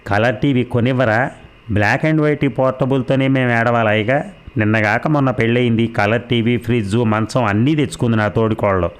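A man's voice: medium pitch, moderate pace, clear, resonant tone, natural voice. A man reading a sulky resentful young daughter. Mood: wheedling. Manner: sulky, sarcastic complaining. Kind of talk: audiobook character reading.

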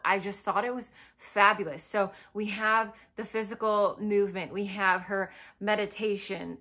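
Woman booktuber, bright tone, emotional and fired up, casual review chat. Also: medium pitch. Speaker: book reviewer. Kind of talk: casual spoken book review.

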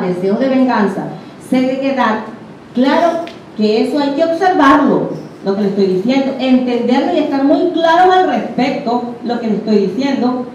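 Questioning her listeners directly, a Venezuelan-accented woman teaches a group in a relaxed, conversational way using a fairly high, mellow voice. The sound is echoey and comes through a distant, dull mic with slight background noise.

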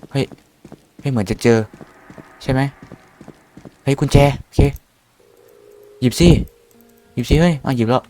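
A man's voice: medium pitch, darkish tone. A young man casually commenting while playing a horror game, jumpy and exclaiming often. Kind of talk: casual let's-play commentary.

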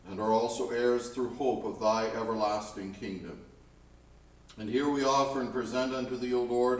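A man leading a church service, intoning formal prayers in a solemn, measured way, heard with cathedral echo. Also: mid-range voice, distant mic. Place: large church with a stone interior.

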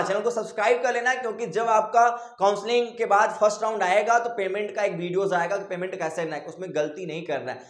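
A man's voice: high voice, fairly bright tone. A male coaching teacher giving assertive, confident admissions advice straight to his students. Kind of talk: direct-to-camera advice video. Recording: echoey room.

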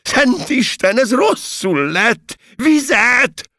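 A man voicing a naive, carefree young army recruit who talks in a chirpy, excitable way. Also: medium pitch, gravelly, dry recording, clean studio sound, voice pushed up, exaggerated voice. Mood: alarmed. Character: cheerful naive long-faced male army recruit.

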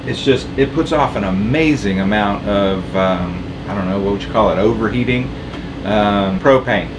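Man in his forties, casual rambling how-to vlogger, filmed in a small boat cabin over a clear air conditioner hum. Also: medium pitch. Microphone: camera on tripod a few feet away.

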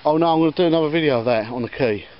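Racing along in a high-ish voice, a man shows his auction finds outdoors in a garden and workshop, rambling casually with lots of ums and restarts. The slightly muffled camera recording carries faint background noise, including outdoor ambience and distant church bells.

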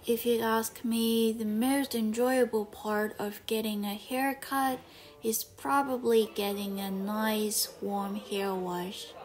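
A young Korean woman with a slightly high voice talks slowly in a level tone as a vlogger, casual and full of fillers like "like" and "you know." She records in a bright home studio indoors and then in voice-over, with loud music playing behind her.

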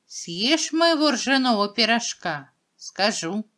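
A woman's voice: a little high, very animated, slow pace, fairly bright tone, exaggerated voice. A woman voicing an enchanted talking thing in a fairy tale, coaxing and bargaining. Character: talking stove, apple tree or river, bargaining fairy-tale helper.

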